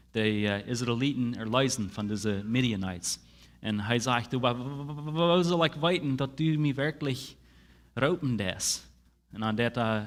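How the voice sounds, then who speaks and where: A man with a Plautdietsch accent preaching a sermon, halting and mixing in English words. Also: mid-range voice, fairly bright tone. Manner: halting, restarts often, mixes English words in.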